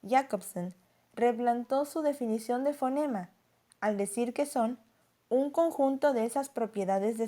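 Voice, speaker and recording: A woman narrating a scripted lesson as a teacher, explaining clearly and slowing down to stress example words. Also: a little high, dark tone.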